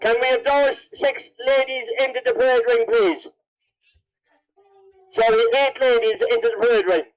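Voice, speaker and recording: Announcing and interviewing through the public address, this Cavan-born MC of a best dressed contest at the races teases people in a jokey way. He has a very high-pitched voice with fairly even intonation at normal speed, captured in a low-quality recording.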